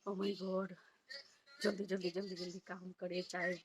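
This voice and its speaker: A woman in her thirties chatting softly in a casual home vlog, recorded at home on a phone set a little way off. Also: fairly low pitch, level tone, a little slow, over music, rough recording. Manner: speaks softly and quietly. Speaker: vlogger and homemaker. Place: indoors at home. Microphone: phone placed a little way off.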